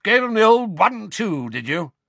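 A man voicing a blustering, furious middle-aged uncle, loud and bellowing, in an audiobook story. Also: fairly high pitch, big pitch swings, normal speed, creaky, no room sound, pitched above the performer's own voice, heavily acted. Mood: blustering, baffled. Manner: blustering, indignant.

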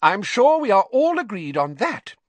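A man as a sharp, high-voiced stern lady professor. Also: big pitch swings, no room sound. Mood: sharp indignation. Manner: brisk, sharp, scolding. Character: stern, sharp, indignant older female professor.

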